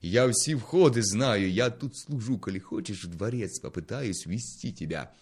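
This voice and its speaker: A man voicing a fawning, condescending petty palace servant who wheedles for a bribe, his voice somewhat raised and louder. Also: lowish voice, animated, normal speed, slightly rough. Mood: wheedling.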